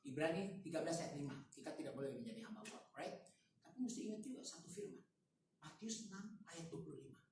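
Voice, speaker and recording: A man preaching a sermon at a prayer meeting, animated and full of rhetorical questions and slangy asides. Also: a little high, fast talker. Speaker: evangelist preacher. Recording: echoey room, distant mic, faint noise.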